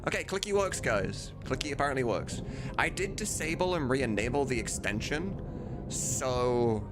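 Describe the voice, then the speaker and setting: A man in his thirties who streams live and makes game dubs talks at a normal speed in a medium-pitched voice with big pitch swings. His chat is casual, rambling and candid, set against background music.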